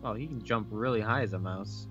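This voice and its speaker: A man's voice: fairly low pitch, fairly quick, highs cut off. A man bantering casually over gameplay as a co-host, tossing in offhand, joking asides. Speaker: let's play co-host. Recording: light game music behind voice. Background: video game music.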